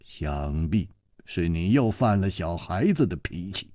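A man voicing a stern, commanding old master swordsman who speaks in a deep, low voice. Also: little pitch movement, slow pace, darkish tone, slightly rough, dry recording, studio quality, heavily acted.

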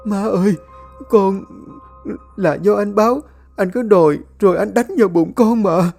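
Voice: mid-range voice, a little slow, vocal fry, a little mellow, soft background music, voice pushed up. A storyteller voicing a meek young pregnant daughter-in-law who pleads and whimpers. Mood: pleading.

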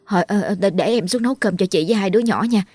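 A woman's voice: mid-range voice, racing, darkish tone, slightly rough, no echo, close to an everyday voice. A woman voicing an anxious, caring neighbor woman who stammers with hesitant fillers. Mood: nervous.

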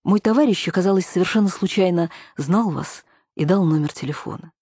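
A woman's voice: fairly low pitch, a little fast, mellow, breathy edge, no room sound, clean studio sound. A woman voicing a polite, hesitant young man courting a girl by phone in an audiobook reading. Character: charming young man with a low voice.

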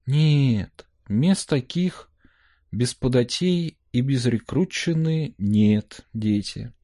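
Guy doing a tender peasant mom telling her kids stories, kinda higher than his own voice, slow and soft-edged. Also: lively intonation, no echo, studio quality, full character voice. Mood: gentle. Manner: tender, fondly scolding, storytelling.

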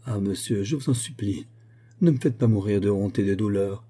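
A man's voice: on the low side, moderate pace, dark tone, lightly acted. A man voicing a remorseful young noblewoman who pleads earnestly with her husband in an audiobook reading. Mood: pleading.

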